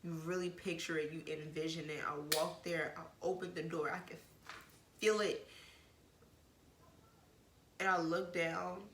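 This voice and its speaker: A woman's voice: fairly low pitch, fairly even intonation, measured pace, pauses often, noisy background. A woman vlogger frankly telling an emotional personal story in casual talk, with plenty of swearing and rambling asides. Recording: roomy echo.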